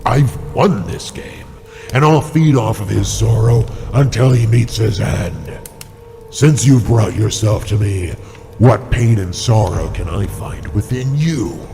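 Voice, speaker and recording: A man voicing the Clampin, a disembodied gravelly voice. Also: on the low side, full character voice. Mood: menacing. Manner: slow, taunting, menacing. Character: disembodied sorrow-feeding male creature, menacing and gloating. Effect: disembodied voice from nowhere. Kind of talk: audio drama acting.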